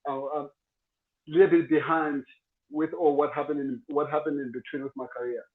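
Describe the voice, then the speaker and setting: A man speaking as a guest in a remote interview over a bad video call connection that cuts in and out, talking in a halting way and repeating words. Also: on the high side, steady tone. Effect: bad video call connection, cutting in and out. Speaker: boxer guest. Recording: tinny lo-fi call audio.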